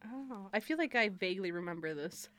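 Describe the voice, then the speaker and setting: A woman's voice: medium pitch, expressive, a little fast, fairly bright tone, no echo. A young woman co-hosting a casual podcast chat, rambling and laughing, swearing often. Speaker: podcast co-host.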